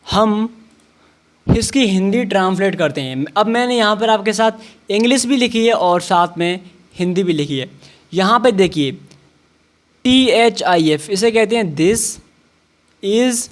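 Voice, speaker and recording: Slow-talking male teacher. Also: high voice. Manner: spells words letter by letter, then says each one. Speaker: English teacher. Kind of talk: slow spelling-out English lesson.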